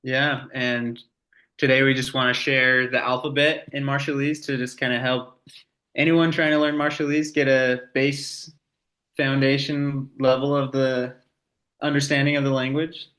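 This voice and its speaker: A man teaching a language casually, unhurried and hesitant, with many filler words. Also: mid-range voice, flat delivery, fairly bright tone. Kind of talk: casual lesson.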